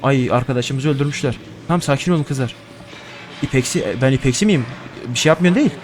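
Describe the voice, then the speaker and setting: A young man streams a horror game, talking fast at a medium pitch. His commentary is casual, nervous, and joking, addressed to himself, with frequent swearing.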